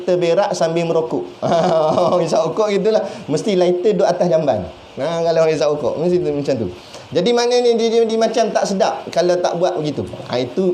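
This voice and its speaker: A man preaching in a lively, chatty manner with a Malaysian Malay accent, his voice sitting a little high. He throws out questions and acts out small voices as he goes. The room is echoey, with a faint hiss underneath. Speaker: religious teacher. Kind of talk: sermon.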